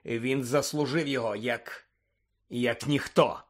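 A man's voice: mid-range voice, steady tone, a little slow, close to an everyday voice. A man reading an audiobook, voicing a determined teenage boy wizard who speaks firmly and out of breath. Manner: breathless, firm.

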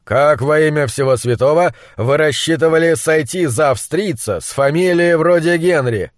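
A man's voice: on the high side, moderate pace, dry recording, clean studio sound, close to an everyday voice. A man voicing a brilliant, bitter monster scientist who speaks with acid sarcasm. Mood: scornful. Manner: acid, sardonic.

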